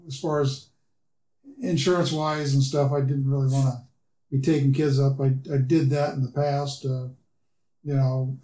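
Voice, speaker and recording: A man's voice: a little high, dark tone. A man speaking as a guest on a casual interview podcast, rambling with lots of fillers. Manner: rambling, lots of "uh" and "you know". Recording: roomy echo.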